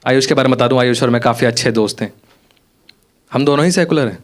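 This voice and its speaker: A man's voice: mid-range voice, fast. Young man doing stand-up comedy. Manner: conversational storytelling, acting out dialogue. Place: comedy theatre stage with live audience. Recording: live venue with loud audience noise. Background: audience laughter.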